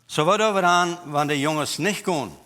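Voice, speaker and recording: A man with a Low German accent preaches in a church, his voice bright and a little high for a man. He talks with emphasis and mixes German and English words into his sermon. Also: normal speed. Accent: Mennonite Low German.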